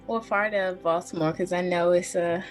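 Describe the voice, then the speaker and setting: A woman's voice: on the low side, fairly even intonation, moderate pace, soft background music. A woman hosting a casual interview over a video call, affirming her guest and laughing often.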